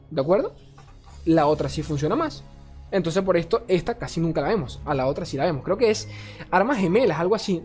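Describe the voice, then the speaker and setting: A man reviews game cards in casual commentary. He is animated and swears, ranting and stumbling over names he forgets. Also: high-pitched. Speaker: card game content creator.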